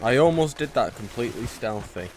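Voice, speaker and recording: A man's voice: medium pitch, animated, a little fast, background noise. A man giving casual, informal and sweary commentary as he plays a video game. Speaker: gamer narrating a playthrough. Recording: loud game music behind the voice.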